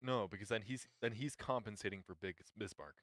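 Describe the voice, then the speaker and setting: A man's voice: on the low side, a little fast, no room sound, low-quality recording. A man chatting casually with friends while gaming, animatedly describing characters. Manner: animated storytelling about characters. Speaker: game player.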